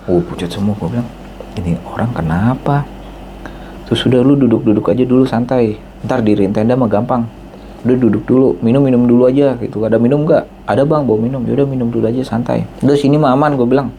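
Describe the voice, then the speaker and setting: Animated man telling a story. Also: quick pace, gravelly, slight background noise. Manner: animated, acts out dialogue with raised pitch. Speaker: podcast guest storyteller. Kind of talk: casual storytelling chat.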